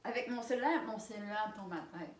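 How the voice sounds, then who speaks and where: Une jeune femme à l'accent québécois qui raconte une anecdote en vlog, de façon animée, avec des rires et des exclamations fortes. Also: female voice, medium pitch, fairly quick. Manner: animated, laughing storytelling with loud exclamations. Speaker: vlogger. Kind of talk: storytime vlog. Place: alone in a room. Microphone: camera mic. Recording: roomy sound from a distant mic.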